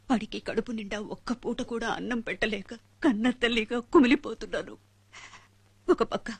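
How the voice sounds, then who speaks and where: A woman's voice: a little high, husky. A woman playing a poor mother, tearful and pleading, over film music. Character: destitute young mother selling her son. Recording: film soundtrack with loud music.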